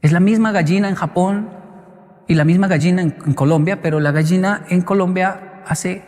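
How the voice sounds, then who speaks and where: A male motivational speaker giving a live talk, animated and acting out bits of dialogue as he answers an audience question. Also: high voice, normal speed. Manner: animated storyteller who acts out dialogue. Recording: long hall reverb.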